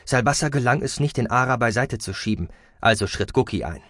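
Calm audiobook narrator, male, expressive melody, dry studio sound. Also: mid-range voice, a little fast, no room sound. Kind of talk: scripted narration.

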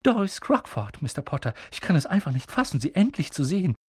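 A man voicing an elderly witch who gushes in a fluttery, rapid way. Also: a little high, very animated, husky, no echo, studio quality, full character voice. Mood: gushing. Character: gushing old witch, star-struck, dizzy.

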